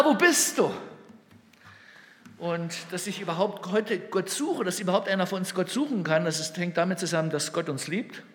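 A man with a fairly high voice preaches a sermon, full of feeling, going from ringing calls down to near-hushed asides. His voice rings out with the long reverb of a hall. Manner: emotional storytelling, swings between loud calls and near-hushed asides. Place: hall with a gathered audience.

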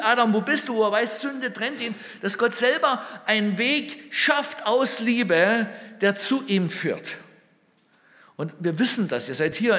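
A man with a fairly high voice preaches a sermon, full of feeling, going from ringing calls down to near-hushed asides. His voice rings out with the long reverb of a hall. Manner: emotional storytelling, swings between loud calls and near-hushed asides. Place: hall with a gathered audience.

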